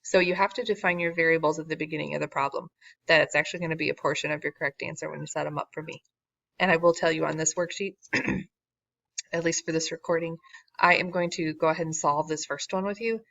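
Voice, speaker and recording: Her voice low, gravelly and a bit bright, a woman teaching math moves at a quick pace with fairly even intonation through a word problem. It's a recorded classroom walkthrough, delivered casually with wry, self-mocking remarks while she's losing her voice, captured in dull, dry lo-fi sound.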